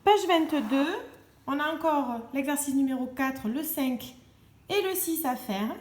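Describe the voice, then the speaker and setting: A woman teacher with a high, light voice walks young children through their homework, sounding out each letter and syllable with slow patience. The room around her is echoey. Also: animated. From France. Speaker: primary school teacher.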